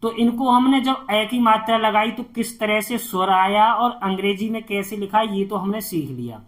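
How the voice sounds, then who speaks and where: A woman's voice: mid-range voice, moderate pace. A woman teacher giving an online spelling lesson. She spells letters out syllable by syllable and answers her own questions. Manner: asks questions and answers them herself.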